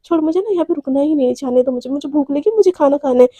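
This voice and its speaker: A woman's voice: sits high, rapid-fire, dark tone, dry recording, lightly acted. A woman voicing an upset young woman arguing and pleading with her girlfriend in a storybook romance. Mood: protesting.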